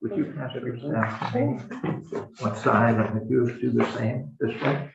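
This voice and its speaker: A man in his eighties giving informal public testimony through a face mask, halting and deliberate, muffled in an echoey room. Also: medium pitch, animated, creaky, noisy background. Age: 80s. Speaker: witness testifying at a committee. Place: indoor committee room. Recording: distant, dull, echoey room microphone.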